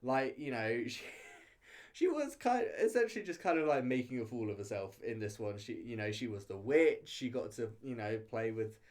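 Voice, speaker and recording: Animated and moderately paced, a mid-pitched male reality show reviewer shares opinions in a chatty, casual way. His talk is loose and hesitant, full of hedges and mid-thought rephrasing.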